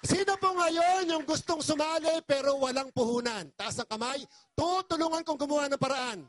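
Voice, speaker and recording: A man's voice: very high voice, normal speed, fairly bright tone, no echo. A man from the Philippines giving an impassioned, pleading testimonial to an audience as a business presenter, very polite and emotional.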